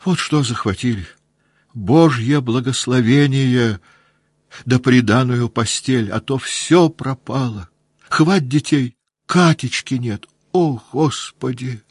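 A man's voice: mid-range voice, slow pace, slightly rough, dry recording, clean studio sound, voice pushed up. A man voicing a sobbing, wailing mother. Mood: pleading. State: crying. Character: distraught woman who lost her daughter in fire.

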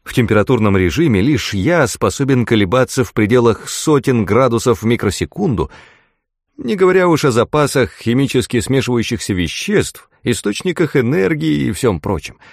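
A man's voice: mid-range voice, sing-song, moderate pace, vocal fry, a little mellow, no room sound, studio quality, voice pushed up. A man reading an audiobook voices a man fused with a space station, speaking in a grating metallic machine voice. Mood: proud.

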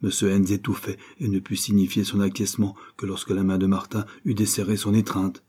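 A man reading a novel aloud as an audiobook narrator, in steady storytelling. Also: lowish voice, fairly quick, breathy edge. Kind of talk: scripted narration.

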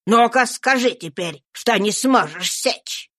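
A woman voicing a brutal, mocking middle-aged slave owner who shouts and sneers in slow, heavy threats. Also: a little high, lively intonation, heavily acted. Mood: commanding.

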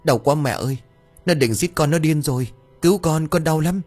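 Possessed young man faking tears, whiny and high, played by the narrator. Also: normal speed, darkish tone, soft background music, lightly acted. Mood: pleading. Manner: whimpering, pleading.

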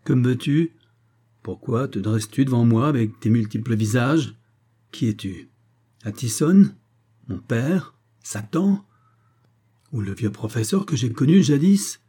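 A man's voice: fairly low pitch, little pitch movement, normal speed, few pauses, mellow, breathy edge. A man voicing a delirious old male spiritualist in an audiobook, crying out in frantic, pleading terror. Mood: terrified.

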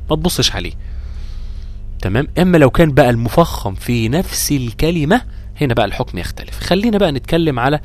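A man with an Egyptian accent teaching Quran recitation rules, quizzing students and chanting verses slowly. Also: on the high side, no echo. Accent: Egyptian Arabic. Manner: lively, drawn-out chanting of verse examples. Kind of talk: live tajweed lesson.

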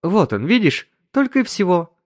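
Man playing a kindly flustered mom, higher voice, lively. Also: normal speed. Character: flustered, kindly suburban housewife and mother.

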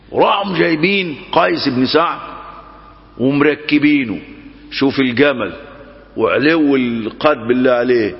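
Egyptian male preacher, higher voice, storytelling lesson in a mosque with long reverb and dull sound. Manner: animated storytelling, rhetorical questions.

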